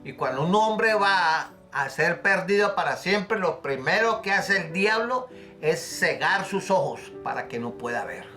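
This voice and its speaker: A man's voice: a little high, bright, forceful tone. A man preaching a sermon as a pastor, fervent and pleading, asking his listeners direct questions. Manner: acts out the scripture voices he quotes. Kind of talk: recorded sermon.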